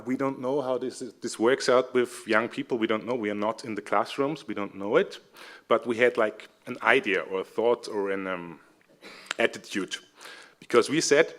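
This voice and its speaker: With a medium-pitched, slightly bright voice, this young adult man delivers a conference talk in an Austrian accent. A civic educator and seminar speaker, he sounds friendly yet hesitant, using lots of fillers.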